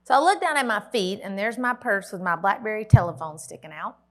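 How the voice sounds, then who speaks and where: A woman's voice: mid-range voice, brisk, a bit bright. A woman, giving a motivational keynote at a conference and telling a dramatic story with wry humor. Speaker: motivational speaker. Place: conference hall.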